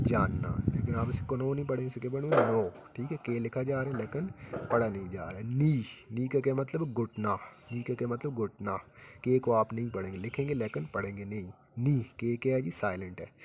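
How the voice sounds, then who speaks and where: A man's voice: medium pitch, a little hiss or hum. A man giving a classroom-style English lesson, repeating each word and asking questions that he answers himself. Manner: repeats words and asks questions then answers them himself; ends phrases with a checking "okay". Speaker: English teacher.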